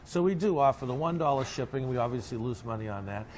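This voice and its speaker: A man's voice: mid-range voice, animated, fast, a little mellow, a little hiss or hum. A man with a Boston accent telling stories in an interview as a small business owner, in a joking, salesman-like way. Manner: jokey, salesman-like. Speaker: coffee cake company owner. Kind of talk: animated interview storytelling.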